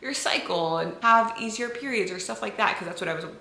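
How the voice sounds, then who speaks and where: Talking to camera in an echoey room, a young woman from the United States answers her viewers' questions in a relaxed, open way full of fillers. She speaks fairly quickly at medium pitch, and her tone is bright and forceful.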